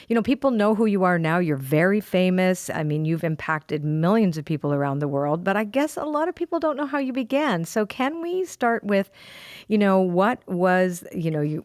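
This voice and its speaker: A woman's voice: on the low side, a little mellow, dry recording, clean studio sound. A middle-aged woman hosting a podcast interview, effusive and chatty. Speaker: podcast host.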